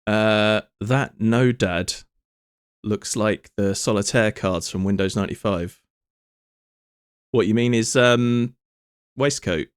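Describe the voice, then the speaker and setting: A man's voice: on the low side, slow pace, long pauses, smooth, dry recording, clean studio sound. A man streaming live, rambling through joking asides as he watches a clip. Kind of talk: casual live-stream commentary.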